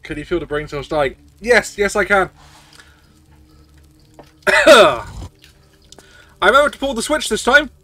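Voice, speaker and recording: Bright-voiced swearing man streaming a game. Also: high-pitched, very animated, slow, pauses often. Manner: swearing, rambling, tipsy from drinking shots. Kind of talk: casual gameplay commentary.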